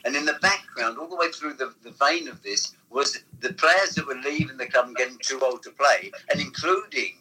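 Man, bright voice, casual rambling recollections, stops and restarts. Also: mid-range voice, animated, slight background noise, rough recording. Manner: rambling, halting storyteller with restarts. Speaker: former football club figure, guest. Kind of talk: casual reminiscing chat.

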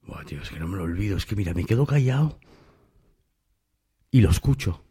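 Husky-voiced man telling stories. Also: low voice, sing-song, a little fast, mellow. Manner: emphatic, addresses the listener directly. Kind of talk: casual storytelling monologue.

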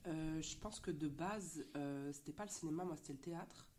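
Guest: young Belgian woman, soft and halting, warm dark tone. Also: low-pitched, a little hiss or hum. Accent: Belgian French. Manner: hesitant, many fillers, soft-spoken. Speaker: actress guest. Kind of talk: casual interview chat.

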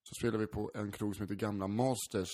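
En man som berättar en pinsam anekdot i ett avslappnat samtal, skrattar ofta, svär och spelar upp röster. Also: on the low side. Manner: animated, acts out voices in anecdotes, swears freely; laughs often while talking. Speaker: stand-up comedian, podcast co-host. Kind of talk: casual storytelling chat.

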